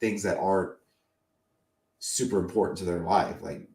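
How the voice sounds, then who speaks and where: A man's voice: sits low, fairly even intonation, normal speed, darkish tone, reverberant. A man co-hosting a casual chat, talking about what he collects in an enthusiastic, opinionated way, and he is losing his voice. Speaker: podcast co-host.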